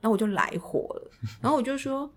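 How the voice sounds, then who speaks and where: A woman's voice: a little high, quick pace. A woman from Taiwan, a guest arts administrator telling a story animatedly and acting out the people in it. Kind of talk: casual podcast storytelling.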